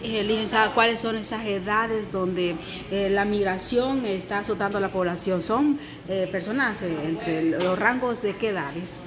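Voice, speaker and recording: A woman field reporter with a mid-range voice asks formal questions at a moderate pace, addressing her guest by title in a news interview. The outdoor ambience is loud, with a crowd in the background.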